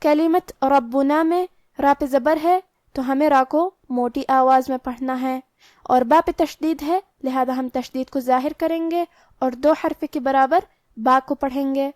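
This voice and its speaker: A woman teaching Quran recitation, explaining pronunciation rules in a measured, step-by-step way. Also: sits high, steady tone, a little mellow, no echo, clean studio sound. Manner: measured, step-by-step instructional delivery.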